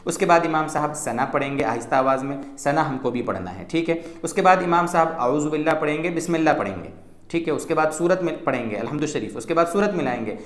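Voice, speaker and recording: A man's voice: on the high side, lively intonation, fast, fairly bright tone, echoey room. A man explaining step by step how to pray as a mufti, in a patient teaching manner, often checking in with "theek hai.". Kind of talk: religious instruction talk.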